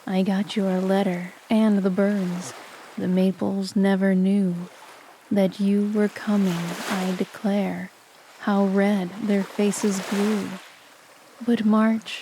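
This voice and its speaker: A woman reads poetry softly and calmly for sleep, her delivery unhurried and nearly level in pitch. Her voice sits over a clearly audible bed of ocean ambience. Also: noisy background. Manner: soft, calm and even. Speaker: sleep story narrator. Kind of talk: soft, slow poetry reading for sleep.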